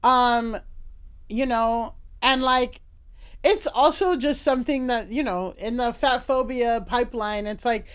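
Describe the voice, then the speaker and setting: A woman's voice: fairly high pitch, a little slow, clean tone. A woman from South Florida, a comedian guest, speaking bluntly and outspokenly in casual podcast chat.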